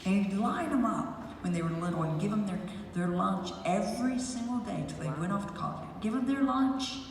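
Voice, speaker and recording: A woman speaking at an outdoor campaign rally who tells rambling personal stories and works up to loud, rousing calls. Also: medium pitch, lively intonation, moderate pace. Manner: rambling storyteller who grows loud and rousing, leads chants. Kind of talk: personal anecdotes in a political rally speech. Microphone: public address system picked up from a distance. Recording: echoey, distant rally sound with crowd noise.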